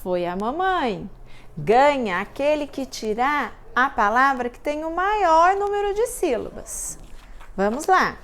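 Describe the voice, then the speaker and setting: A woman teacher giving a children's lesson recap, talking slowly in a sing-song way and spelling words out syllable by syllable for small children. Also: high voice, animated, a bit bright.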